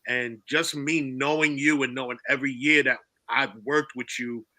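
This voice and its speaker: A man's voice: mid-range voice, fairly even intonation, moderate pace, bright, forceful tone, no room sound. A man hosting a live-streamed interview, upbeat and encouraging toward his guests. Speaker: host.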